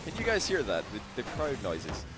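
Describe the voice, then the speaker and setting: A man's voice: medium pitch, wildly swooping pitch, normal speed, music in the background. A man commentating a live esports match in a joking, playful way, laughing often.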